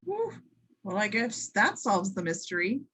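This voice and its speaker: A woman reading a dry, sardonic schoolteacher with a husky voice in an amateur sitcom table read. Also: medium pitch, measured pace, exaggerated voice. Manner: dry, deadpan.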